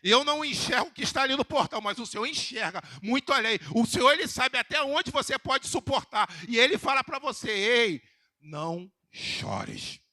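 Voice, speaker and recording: A man with a Brazilian Portuguese accent preaching a sermon to a congregation, questioning them, building to emphatic calls, then quoting softly. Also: very high voice, brisk, few pauses, dry recording, clean studio sound. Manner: rising to emphatic calls, then dropping to soft quoted words.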